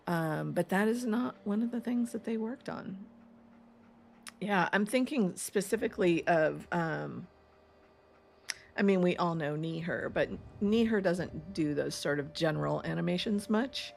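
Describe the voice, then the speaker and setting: Her lowish, darkish voice has vocal fry and an unhurried pace as this East Coast gaming streamer chats through a game. She rambles, laughs, and reads chat aloud in a casual let's-play, with slight background noise.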